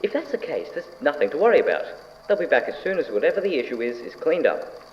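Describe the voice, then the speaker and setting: A man plays an odd, somewhat unhinged scientist dictating a lab log for an audio drama, his pitch swinging as he muses and questions himself with carefree enthusiasm. He speaks quickly in a sing-song way, sounding eager yet puzzled, thinking aloud and posing rhetorical questions to himself. The recording is dull and lo-fi, with noticeable noise behind him.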